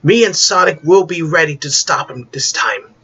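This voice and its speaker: A man's voice: a little high, lively intonation, normal speed, bright, forceful tone, husky, dull audio, full character voice. A man voicing an earnest, anxious young male hero who talks urgently. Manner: urgent, pleading.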